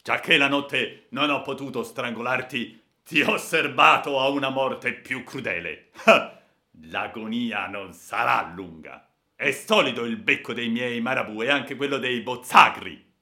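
A man's voice: mid-range voice, voice pushed up. A man voicing a ferocious gloating bandit. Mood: menacing. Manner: loud, menacing, slow and gloating. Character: ferocious vengeful male bandit, cruel and gloating. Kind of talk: audiobook character voice.

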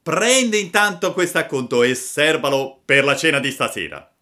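A man's voice: medium pitch, expressive, measured pace, bright, forceful tone, pitched above the performer's own voice. A man voicing a gang of bullying schoolboys in a storybook reading, taunting and threatening.

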